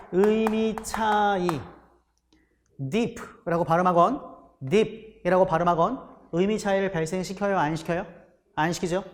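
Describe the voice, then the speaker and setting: A man's voice: sits high, big-room sound, a little hiss or hum. A man giving a recorded exam-prep lecture. He asks the class questions and then answers them himself. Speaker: English teacher for exam prep.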